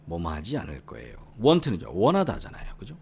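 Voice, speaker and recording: A middle-aged Korean man from South Korea's Gyeongsang region, with a Korean accent rooted there, explains English study in a conversational lecture at a relaxed teaching pace that still feels brisk. His pitch swings up and down in lively arcs, and his voice has a creaky, breathy edge. He repeatedly asks the listener to agree, repeats words for emphasis, and sometimes drops to a near whisper.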